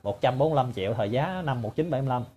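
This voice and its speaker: A man's voice: medium pitch, expressive, rapid-fire, warm tone, breathy edge. A man giving a sarcastic, mocking monologue to his viewers. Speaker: political commentator.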